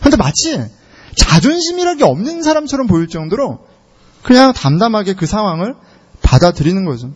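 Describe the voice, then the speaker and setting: A man preaching a sermon as a pastor, retelling a story with animated rhetorical questions to his congregation. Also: sits high, brisk, breathy edge. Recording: dull lo-fi sound in a long-reverb hall.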